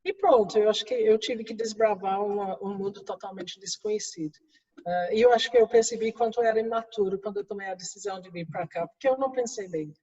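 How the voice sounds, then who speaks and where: Heard from a distance in a roomy, dull recording, a middle-aged woman from England talks at a quick pace in a husky, dark, mid-range voice. She has an English accent and is a guest executive in an interview, answering in a second language with many fillers and restarts.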